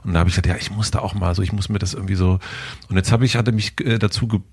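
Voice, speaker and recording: A man with a German accent hosting a casual talk, speaking haltingly with many fillers and restarts. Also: low voice, fairly even intonation, darkish tone, slightly rough. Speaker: podcast host. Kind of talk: casual conversation.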